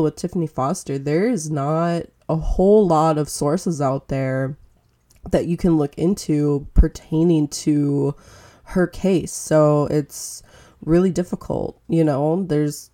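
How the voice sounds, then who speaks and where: Mellow woman chatting casually as podcast host. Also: deep voice, a little slow. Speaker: true crime podcast host. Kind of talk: casual chat to listeners.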